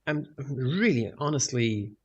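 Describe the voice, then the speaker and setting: A man's voice: mid-range voice, lively intonation, slow. A man with a German accent giving a casual, rambling, hesitant update with casual swearing, his voice echoing in a big room at home. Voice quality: echoey room sound. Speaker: video creator. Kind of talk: casual rambling update over game footage. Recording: big echoey room, clear background noise.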